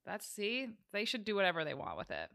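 A woman guest artist in casual chat, deadpan and sardonic. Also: mid-range voice, a little fast, creaky.

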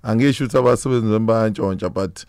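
A man's voice: lowish voice, very fast, darkish tone, smooth, no echo. A South African man with a Zulu accent, speaking casually as an interview guest and switching between languages. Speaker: interview guest, lounge owner.

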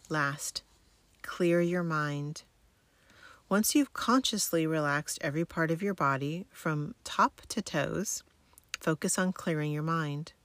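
A woman giving scripted guided relaxation in the slow, soothing, step-by-step manner of a sleep narrator. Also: low voice, fairly bright tone, no room sound. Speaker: wellness instructor giving guidance and homework.

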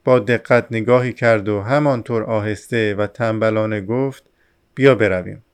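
A man reading a novel aloud as an audiobook narrator, steady and measured. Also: fairly low pitch, clean tone.

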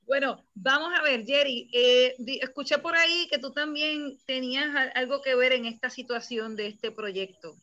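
A woman hosting a casual live stream in a lively way, reading greetings aloud and asking questions. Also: high voice, normal speed, few pauses, highs cut off. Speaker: host.

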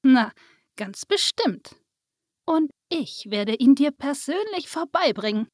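A woman voicing a small, plump, grandmotherly female Christmas fairy who talks slowly and gently. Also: high voice, big pitch swings, no echo, studio quality, pitched above the performer's own voice, full character voice. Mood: warm.

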